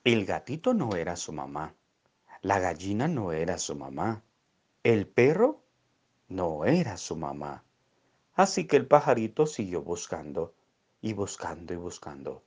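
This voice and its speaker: A man reading a children's story aloud in an expressive, drawn-out storytelling way. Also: low-pitched, slightly rough.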